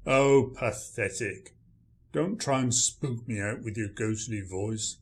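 A man's voice: medium pitch, slow pace. A man playing a grumpy male writer, dry, sarcastic and dismissive in a radio play. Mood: sardonic.

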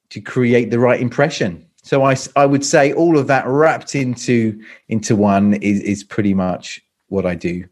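On a video call, a middle-aged man from London appears as a guest for a casual interview chat, speaking in a mid-range, darkish voice with a British accent. He works as a speaking coach, yet he hesitates a lot, breaking off to repeat himself and begin his sentences again.

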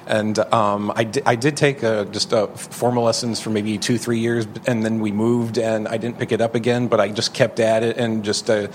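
A man who runs a record label answers questions as a guest on a radio show. His voice sits a little low and he stops and restarts often. A faint background noise hangs under him. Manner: halting, many uh and um fillers.

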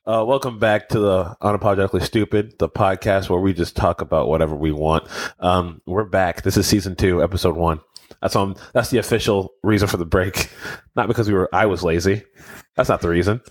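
Rambling low-voiced man co-hosting a podcast. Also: fairly even intonation, fairly quick. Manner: rambling, self-deprecating, stammers and restarts. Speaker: podcast co-host. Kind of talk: casual chat. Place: small home office room.

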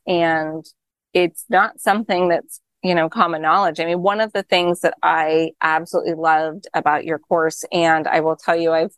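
A woman's voice: fairly low pitch, dry recording. A woman hosting a conversational interview, thinking aloud and praising her guest with enthusiasm. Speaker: podcast host.

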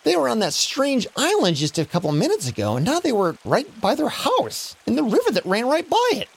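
Expressive man telling a children's story. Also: extremely high pitch, fairly quick, creaky, breathy edge. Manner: expressive, dramatic.

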